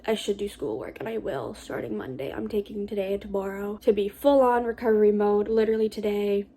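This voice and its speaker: A woman's voice: medium pitch, brisk, warm tone. A young adult woman giving a casual vlog update in an informal, rambling and hesitant way. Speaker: vlogger.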